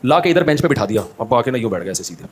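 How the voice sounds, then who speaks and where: A man tells funny stories during a religious talk, and he talks quickly. He slips into the voices of the people in his stories as he goes, and his pitch sits in the middle range. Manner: animated anecdote-telling, acting out the people in his stories. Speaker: Islamic scholar giving a talk. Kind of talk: humorous storytelling in a religious talk.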